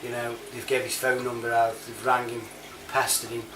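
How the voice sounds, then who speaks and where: A British man, an online reviewer who uses a CB chat app, rambles casually in a chatty, matey way packed with informal slang. His medium-pitched voice is monotone, bright and forceful, at a moderate pace. The recording sounds roomy with a distant mic and clear background noise.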